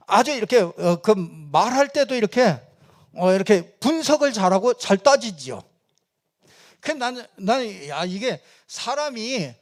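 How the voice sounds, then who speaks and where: Man preaching from a church pulpit, high-pitched voice, chatty, animated, lots of fillers, chuckles between points. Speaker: pastor. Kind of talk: conversational sermon.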